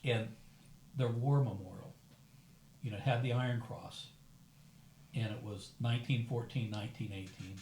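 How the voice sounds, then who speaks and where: A man's voice: mid-range voice, normal speed, long pauses. An older American man hosting a dinner, chatting casually and telling stories. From United States. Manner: storytelling, relaxed and chatty. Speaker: host. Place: room at a dinner gathering. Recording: echoey room with faint background noise.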